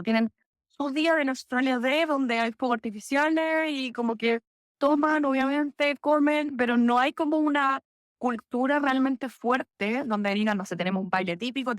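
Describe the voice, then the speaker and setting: This podcast guest, a young physiotherapist from Chile, speaks Chilean-accented Spanish in a slightly high voice. She chats animatedly, laughing and correcting herself mid-story, and the studio-quality sound is dry.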